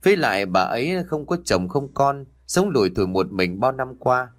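A man voicing a calm, sensible middle-aged village wife who reasons with her husband and neighbor, over faint background music. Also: medium pitch, moderate pace, lightly acted. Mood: soothing. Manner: soothing, reasoning tone.

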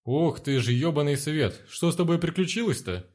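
A man's voice: on the high side, expressive, normal speed, darkish tone, pitched above the performer's own voice. A man voicing a jumpy young male station guard who pleads and whines in a panic. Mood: disgusted.

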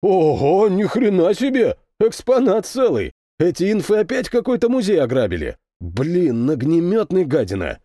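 A man voicing a young, boastful tank captain who talks roughly and loudly. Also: high-pitched, very animated, moderate pace, no echo, clean studio sound, voice pushed up. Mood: excited. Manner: rough-spoken, boastful, loud.

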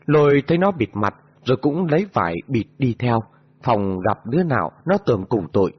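A man voicing a loyal highland male servant who pleads and exclaims in a raised, lively voice. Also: a little fast, slightly rough, dull audio. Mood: pleading. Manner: excited, exclamatory, raised pitch.

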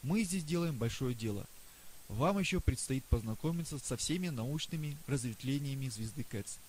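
A man voicing a boastful, excitable old male astronomer professor in an audiobook reading. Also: medium pitch, close to an everyday voice, low-quality recording. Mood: earnest. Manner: lively, boastful, rapid questioning. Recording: faint hiss.

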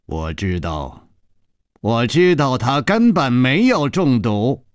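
A man voicing a cold, scheming woman who holds a captive, speaking low and slow with a sneer. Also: sing-song, dry recording, studio quality. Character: cold scheming woman captor, icy and menacing.

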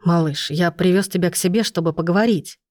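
A woman's voice: fairly low pitch, fairly quick, a little mellow, dry recording, studio quality, lightly acted. Woman reading a pleading remorseful young man. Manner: pleading, earnest. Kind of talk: audiobook reading.

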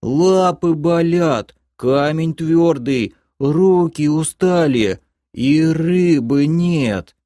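A man doing a shrill whiny fish-loving creature. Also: very slow, warm tone, dry recording, studio quality. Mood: complaining. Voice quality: shrill, plaintive. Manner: wailing, pleading, self-pitying. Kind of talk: audiobook character voice.

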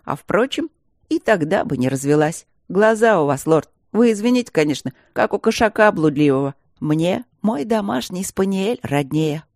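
A narrator voicing a brisk, scolding middle-aged married nurse in an audiobook. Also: medium pitch, lively intonation, no room sound, clean studio sound, lightly acted. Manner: loud, scolding, matter-of-fact. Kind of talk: audiobook character reading.

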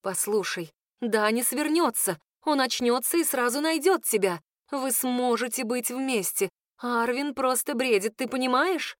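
A woman's voice: fairly high pitch, measured pace, dry recording, studio quality, natural voice. Woman doing a bold, caring young friend. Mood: soothing.

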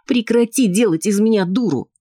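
A man's voice: high-pitched, moderate pace, no room sound, clean studio sound, pitched above the performer's own voice. A man reading an audiobook, voicing a worried, insistent wife who argues with her husband. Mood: indignant. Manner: pleading, sharp and defensive. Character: anxious, insistent wife, adult woman.

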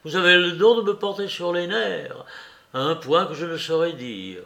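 A man's voice: fairly high pitch, normal speed, vocal fry, sharp tone, voice pushed up. A man doing a snapping, irritable clerk. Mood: shouting. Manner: curt, scolding, snapping. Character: brusque irritable male office clerk.

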